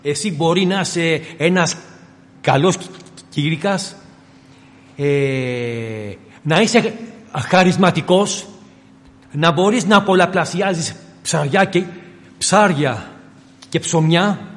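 A man's voice: fairly high pitch, lively intonation, long pauses, a bit bright, long reverb tail. A man preaching acts out an insistent fisherman who lectures a preacher that a storm is coming. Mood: stubborn, insistent. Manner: insistent, lecturing, rising emphatic delivery.

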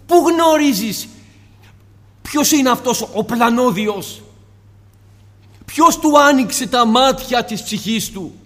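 A male preacher giving an impassioned sermon, firing off rhetorical questions and dropping suddenly to a soft tone. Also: very high voice, expressive, pauses often, big-room sound.

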